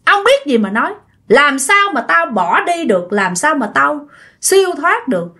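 A woman voicing a vengeful dead woman's ghost that speaks through a possessed woman, shrill and taunting. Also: sing-song, normal speed, sharp tone, full character voice. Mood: defiant.

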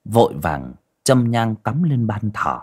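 Husky man narrating a folk tale. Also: fairly low pitch, slow. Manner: expressive, dramatic reading. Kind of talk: audiobook storytelling.

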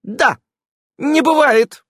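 A man voicing a sharp-tongued witch woman, high and lively. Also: a little slow, no echo, studio quality, full character voice. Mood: emphatic. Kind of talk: audiobook character voice.

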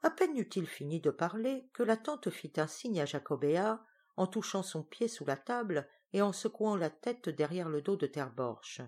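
A woman reading a story aloud as an audiobook, in expressive storytelling narration. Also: on the low side, normal speed. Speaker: audiobook reader.

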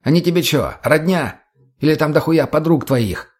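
A man's voice: on the high side, lively intonation, normal speed, husky, voice pushed up. A man voicing a crude, callous drug addict who drawls and swears. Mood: dismissive. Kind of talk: audiobook character voice.

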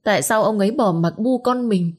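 Woman reading a distraught young daughter begging for answers; raised pitch, husky. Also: a little fast, a little mellow, natural voice. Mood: pleading. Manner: pleading, insistent questions. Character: heartbroken young village woman, pleading.

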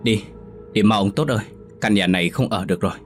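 A grave older village scholar gives warnings in a deep, low voice, as a male storyteller plays him. He talks solemnly and a little quickly, from a spoken ghost story with faint music underneath. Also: a little mellow, close to an everyday voice.

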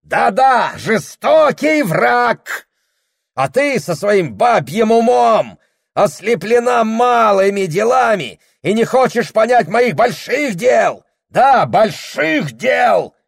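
A man reading aloud puts on a domineering, ambition-mad man who bellows his demands in a strained, high, loud voice. He drags out the key words slowly and sounds dry and close. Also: big pitch swings, vocal fry, no echo, exaggerated voice. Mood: grandiose shouting. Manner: shouting, bombastic, hammering each phrase. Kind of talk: audiobook character voice.

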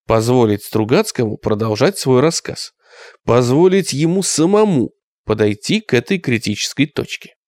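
Man narrating an audiobook in lively tones. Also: medium pitch, no echo, clean studio sound. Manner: measured, tense storytelling. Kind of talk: scripted first-person narration.

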